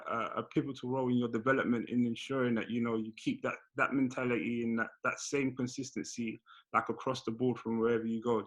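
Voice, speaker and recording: A man's voice: medium pitch, poor audio. A man interviewing a footballer, asking long, hesitant questions in a casual way. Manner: rambling, hesitant questions with fillers.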